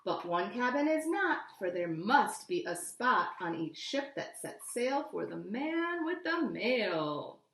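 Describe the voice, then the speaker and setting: In an echoey room, an American woman from the United States reads a picture book to young listeners, animated and expressive, tossing in casual asides. Her voice is a little high and slow, with hardly any pauses.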